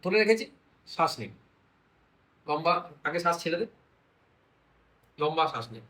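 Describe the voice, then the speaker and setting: Guy with a high voice teaching med students at a bedside, chatty, asks then answers himself. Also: sing-song, normal speed, sharp tone, low-quality recording. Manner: explanatory, asks and answers own questions, informal. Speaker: paediatrics teacher.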